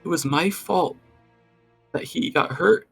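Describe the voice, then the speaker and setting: Casting: man playing a shy young woman, high and halting, apologetic and stammering. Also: gravelly, fairly bright tone, slightly rough, faint music behind, exaggerated voice. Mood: tearful.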